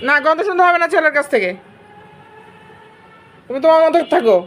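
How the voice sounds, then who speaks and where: A woman's voice: high voice, animated, brisk. A young woman from Bangladesh talking in doting baby talk to her pet cats, coaxing them and now and then scolding. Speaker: cat owner vlogger.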